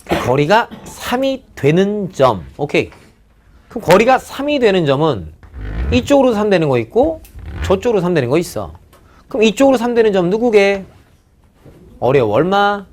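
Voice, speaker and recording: Male math lecturer, high and very animated, drawls key words, constant check-ins. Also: moderate pace. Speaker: math teacher. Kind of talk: recorded online math lecture.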